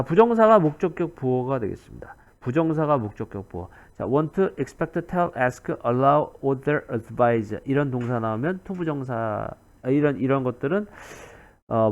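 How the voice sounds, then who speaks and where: A man's voice: mid-range voice, vocal fry, a little mellow, lo-fi sound. A man giving a recorded grammar lecture, repeating key words and checking in with "right?" often. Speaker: English grammar teacher.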